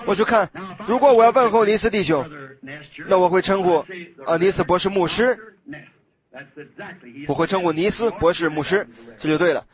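Guy preaching, pretty high voice, chatty and acts out dialogue, some false starts. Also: normal speed, long pauses. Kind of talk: sermon.

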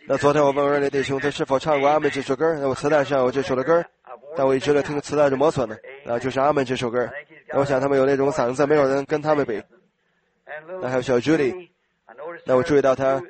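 A slightly hoarse man preaching an informal sermon, talking conversationally to his congregation and asking them questions. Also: mid-range voice, steady tone, fast, a crowd in the background.

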